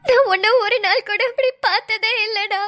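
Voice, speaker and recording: A woman's voice: very high voice, normal speed, bright, forceful tone, soft background music. A woman voicing a hurt, tearful young woman in a cartoon, who speaks in a reproachful, sobbing way. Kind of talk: cartoon voice acting.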